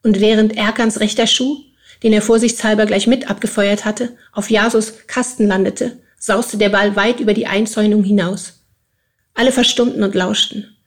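A woman narrating an audiobook with a steady storytelling delivery. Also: mid-range voice, normal speed. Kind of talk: audiobook reading.

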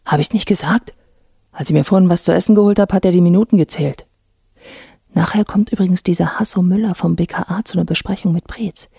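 Woman voicing a gossipy cop colleague, warm low voice, gravelly. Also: brisk, no echo, clean studio sound, full character voice.

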